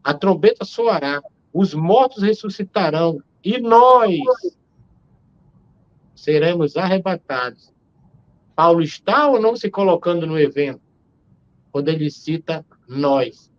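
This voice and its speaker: A Brazilian man in his forties argues his point with emphasis, piling up rhetorical questions. His voice sits a little high. The sound is dull and lo-fi, as over a video call. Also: expressive, a little slow, pauses often. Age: 40s. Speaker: theologian guest. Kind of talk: live-stream discussion.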